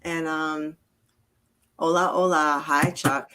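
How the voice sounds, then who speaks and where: A woman's voice: deep voice, steady tone, slow pace, pushed and bright, slight background noise. A woman hosting a casual live stream, chatting and greeting viewers as they arrive. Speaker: host.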